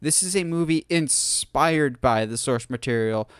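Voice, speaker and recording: A man hosts a casual podcast with animated, opinionated enthusiasm. His voice comes through smooth and resonant, at a middle pitch, recorded dry and close. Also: a little slow, no echo. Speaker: podcast host.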